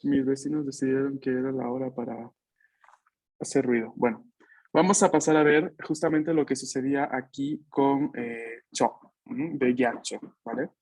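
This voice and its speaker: A man with a medium-pitched, darkish voice gives an online Italian lesson for Spanish speakers over a video call from home. He speaks at a moderate pace with fairly even intonation, patiently checking in with students and drilling them with repeat-after-me.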